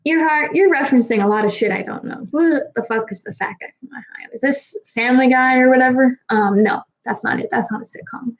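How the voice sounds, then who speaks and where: With a high voice, a slightly fast pace and few pauses, a tipsy young Kazakh streamer rambles to her chat and swears liberally. She has difficulty pronouncing R's, and the audio is dull.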